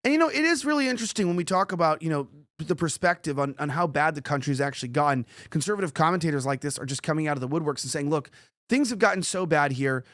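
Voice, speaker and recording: A man hosting a political news commentary show, talking in a rapid, rambling way with sarcastic asides. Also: a little high, animated, fairly bright tone, dry recording, studio quality.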